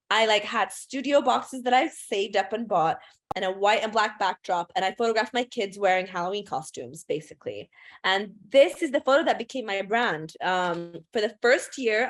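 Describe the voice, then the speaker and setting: A woman in her thirties, a photographer giving a class in a chatty, self-deprecating way, with many fillers and restarts. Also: a little high. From United States and United Kingdom. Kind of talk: casual presentation talk.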